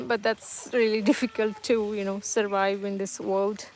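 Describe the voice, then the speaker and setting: A Tamil-speaking woman hosts a casual livestream from home, reading out viewers' comments and chatting in a hesitant, reassuring way full of fillers and restarts. Her voice sits in the mid range with fairly even intonation and a slightly slow pace. There is a slight background noise.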